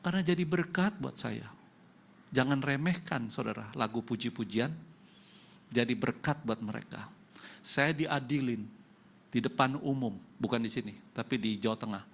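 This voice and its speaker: A middle-aged man preaching a sermon as pastor in a church, who often jumps to loud, high-pitched emphasis and puts questions to the congregation. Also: moderate pace, gravelly. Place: church hall.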